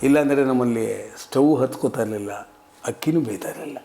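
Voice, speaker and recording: A man's voice: medium pitch, a little fast, gravelly, warm tone, slight background noise. A man in his sixties, an interview guest and comic actor, telling his story in an earnest, reflective way. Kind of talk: casual interview talk.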